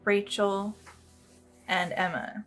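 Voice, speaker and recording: A woman's voice: mid-range voice, flat delivery, slow pace, a bit bright, soft background music. Blunt, joking woman gaming co-host. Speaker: let's play co-host. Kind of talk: casual gameplay chat.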